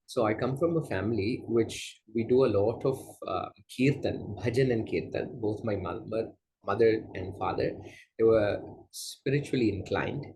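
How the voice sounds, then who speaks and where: A man from Malaysia, a yoga teacher, answering interview questions in a gentle, unhurried way with soft fillers. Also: on the low side, creaky, slight background noise, rough recording. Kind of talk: casual interview conversation.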